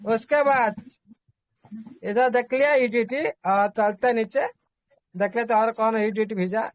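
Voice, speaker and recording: A man's voice: very high voice, fairly even intonation, slow pace. A man hosting an online group meeting, explaining casually, repeating himself and reassuring the listeners while mixing in English terms.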